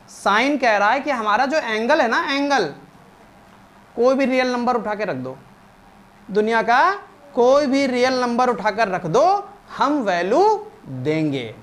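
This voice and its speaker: A man's voice: very high-pitched, a bit bright. A man teaching a math class, repeating key points emphatically and coaxing students along. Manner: emphatic and repetitive, drilling students; coaxing, calls students "beta". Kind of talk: classroom lecture.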